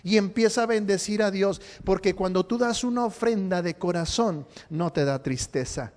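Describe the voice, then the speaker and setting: A man's voice: high voice, normal speed, a little mellow. A man preaching a sermon in a church, joking and quizzing his congregation. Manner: playful, jokes and quizzes the congregation. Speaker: pastor. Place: church sanctuary. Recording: long church hall reverb.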